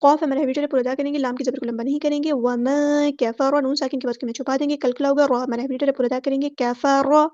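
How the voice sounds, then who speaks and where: Woman, Urdu accent, high voice, recitation teacher, dry dull recording. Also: steady tone, no echo. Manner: explains rules briskly, then recites words slowly and loudly. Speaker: tajweed teacher. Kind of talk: word-by-word Quran recitation lesson.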